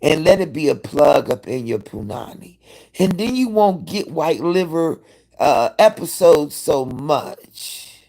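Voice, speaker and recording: Fifties guy chatting live from home, gravelly and husky, cussing and gossiping, slow and lively. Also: on the high side, rough recording. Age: 50s. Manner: animated, profane gossiping with viewers. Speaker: livestream host. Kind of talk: casual live-stream chat.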